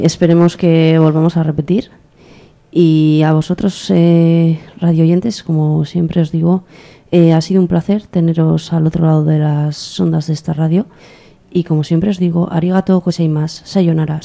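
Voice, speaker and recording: A woman's voice: low voice, fairly even intonation, moderate pace, creaky, mellow. A woman hosting a casual community radio chat, teasing her guests. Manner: teasing, laughs often. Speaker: radio host. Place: radio studio.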